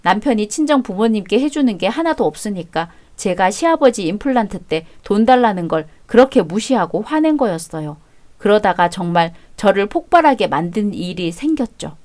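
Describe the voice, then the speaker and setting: A woman narrating a radio drama and playing the wife, sharp and resentful when arguing and calmer when confiding. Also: medium pitch, moderate pace.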